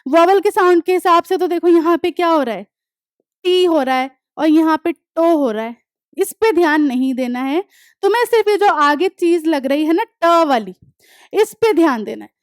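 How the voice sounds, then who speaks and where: High-voiced woman teaching an English class. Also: animated, no room sound, studio quality. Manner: explains step by step, often checking understanding; reads English examples slowly and deliberately. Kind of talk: online class lecture.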